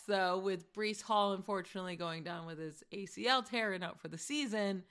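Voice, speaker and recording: Bright, slightly hoarse woman host. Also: mid-range voice. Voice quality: chatty, quick, many "like" fillers. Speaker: podcast host. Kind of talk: casual chat.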